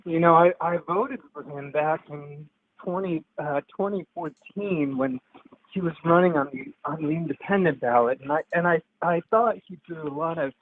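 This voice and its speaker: A young man on a tinny Bluetooth car call. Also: fairly high pitch. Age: 20s. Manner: halting, many stammered restarts. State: driving. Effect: phone call over car Bluetooth, sounding far from the mic. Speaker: caller. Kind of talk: call-in chat. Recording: tinny phone line with faint noise.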